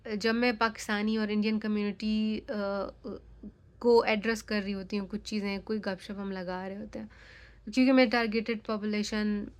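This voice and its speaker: A woman's voice: medium pitch, level tone, moderate pace. A young Pakistani woman, a native Sindhi speaker with a Sindhi accent, chatting frankly and casually as a vlogger, dropping English phrases into her talk. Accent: Sindhi-accented Urdu. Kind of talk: casual chat.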